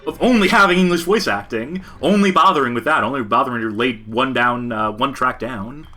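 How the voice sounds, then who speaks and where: A man co-hosts a podcast and chats casually over gameplay, explaining the game's mechanics with growing excitement. His mid-range voice is bright and forceful. Faint game music plays behind him. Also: medium pitch, a little fast. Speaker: podcast co-host.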